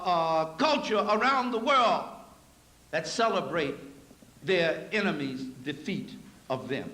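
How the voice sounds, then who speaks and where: A man lectures a live audience in a high, bright voice, folksy and preacherly. He drops low for asides and climbs to forceful, emphatic points. The recording carries an echoey hall with faint noise. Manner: folksy, addresses audience as y'all.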